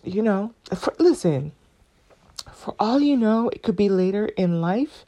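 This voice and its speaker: A woman's voice: medium pitch, animated, a little slow, mellow. A woman hosting her podcast alone, chatting in a playful, rambling way. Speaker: podcast host. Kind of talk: casual chat.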